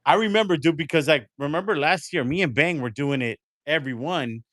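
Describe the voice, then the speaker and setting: A man's voice: fairly high pitch, fairly quick, no room sound, studio quality. A man chatting casually on a podcast, reacting to a story and recalling his own. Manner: reactive, relaxed interjections. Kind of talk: casual chat.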